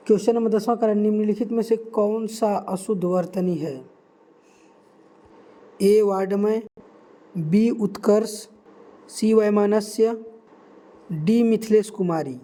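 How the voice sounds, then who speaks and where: A young man tutoring for an exam, reading out answer options slowly and repeating key words for emphasis. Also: high voice, mellow. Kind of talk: quiz-style teaching.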